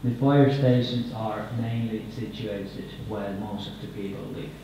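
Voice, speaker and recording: A man in his thirties with a Finnish accent giving a conference presentation at a podium microphone, halting and repeating words, his phrases trailing off. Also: on the low side, fairly even intonation, noisy background. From Finland. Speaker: conference speaker. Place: conference hall, indoors. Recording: echoey hall, picked up from far off.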